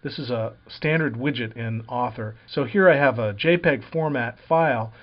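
A software tutorial presenter walks through a program step by step, explaining plainly and pausing often with "uh" and "um." His voice is at an ordinary middle pitch, and the dull, lo-fi recording was made at a desktop computer.

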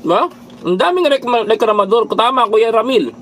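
A Filipino man with a high-pitched voice hosts a casual political commentary livestream, reading viewer comments aloud. He lectures his audience as brothers and countrymen, slipping English phrases in among his words. Faint vehicle noise hums behind him. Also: lively intonation, normal speed, fairly bright tone, low-quality recording. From Philippines. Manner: preachy, repeatedly addresses viewers as brothers and countrymen.

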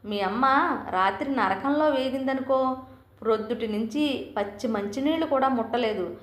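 A woman's voice: fairly high pitch, normal speed, close to an everyday voice. A woman reading the lines of a shaken, balding older uncle in a story. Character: distraught older uncle, bald, comforting the family. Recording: roomy echo.

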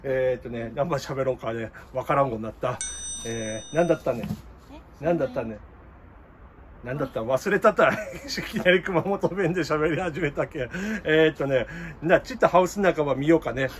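A man's voice: medium pitch, fairly quick, crowd noise. A middle-aged man with a Kumamoto dialect, chatting casually in a plant vlog and laughing at himself. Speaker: plant shop owner.

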